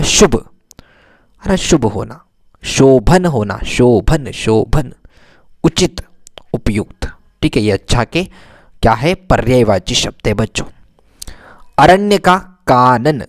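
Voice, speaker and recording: A man's voice: mid-range voice, no room sound. Guy teaching kids hindi words, says each one twice or three times, dry close sound. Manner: repeats words slowly, asks and answers himself. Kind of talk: Hindi vocabulary lesson for children.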